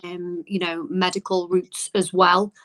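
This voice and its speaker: A woman's voice: fairly low pitch, flat delivery, measured pace, fairly bright tone, low-quality recording. A woman interview guest explaining her views and experiences in a casual, reflective, conversational way. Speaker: interview guest, small business owner.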